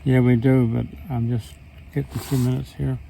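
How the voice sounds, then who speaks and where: An older man with a phlegmy throat at an outdoor campsite, giving short, easygoing replies and clearing his throat often. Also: medium pitch, little pitch movement, moderate pace, warm tone. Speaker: camping vlog co-host. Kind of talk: casual chat.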